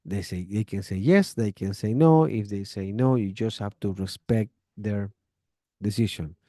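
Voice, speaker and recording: A Chilean English teacher, a native Spanish speaker, gives a casual spoken lesson in a relaxed, chatty way, offering friendly advice and acting out example dialogues. His voice is mellow, warm, fairly low and unhurried. It's recorded close and dry, with no room sound or echo.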